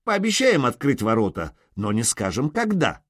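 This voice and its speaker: A man reading as a sly young warrior with quick, scheming suggestions. The voice stays close to the reader's own, dry and near the mic. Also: medium pitch, huge pitch swings, a bit bright, no echo.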